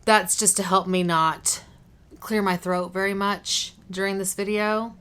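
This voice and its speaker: A beauty vlogger talks casually to the camera in a mid-range, smooth, fairly bright voice with fairly even intonation and a slightly slow pace. She's chatty and informal, prone to drifting onto tangents, and sounds slightly congested, with a cough drop tucked in her cheek.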